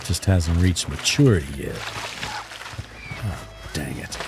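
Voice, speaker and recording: Lively low-voiced man rambling on stream. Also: slow pace, background noise. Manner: rambling, chuckling storyteller. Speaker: streamer role-playing in a western game. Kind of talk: casual in-character chat while streaming.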